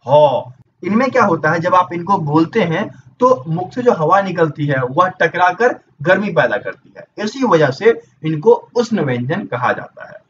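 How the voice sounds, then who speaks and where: A fairly high-voiced man teaches an exam-prep grammar lesson, posing questions and answering them himself as he works through each point. He sits some way from the microphone. The sound is a little dull, with a faint hiss behind him. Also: expressive, normal speed, few pauses, fairly bright tone. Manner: explains step by step, asks and answers his own questions. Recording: dull distant mic with faint noise.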